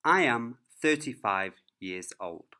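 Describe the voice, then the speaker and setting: Very slow, carefully spoken male teacher. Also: medium pitch, expressive, sharp tone. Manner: clear, careful word-by-word delivery. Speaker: English teacher. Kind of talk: slow, deliberate beginner lesson.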